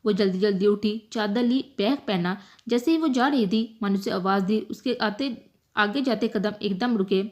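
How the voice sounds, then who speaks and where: A woman narrating a romantic novel aloud in an emotive, measured storytelling manner. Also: medium pitch. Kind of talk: scripted novel reading.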